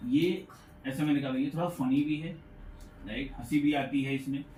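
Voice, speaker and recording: A man's voice: mid-range voice, fairly even intonation, a little mellow. Man teaching pronunciation in an echoey room. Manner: patient, repeats sounds slowly to demonstrate. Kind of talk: classroom pronunciation lesson. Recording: echoey room, mic far off, faint noise.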